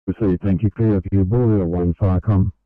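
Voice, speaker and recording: A man's voice: low-pitched, fairly even intonation, fast talker, dry recording. A man working as a fire dispatcher, speaking in clipped, courteous procedure over a crackly two-way radio. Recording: narrow, crackly radio channel.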